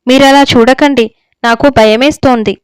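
A woman's voice: high-pitched, steady tone, a little slow, clear, resonant tone, no room sound. A woman reading the lines of an anxious older mother who pleads with her husband for her son. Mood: pleading. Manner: pleading, tearful. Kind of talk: story reading.

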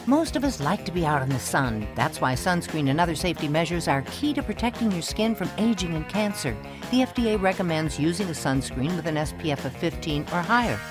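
A woman with a notably low voice reads a public health message in a calm, even manner. Clear music plays underneath her read. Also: a little fast. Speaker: public service announcer. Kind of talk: scripted public service ad.

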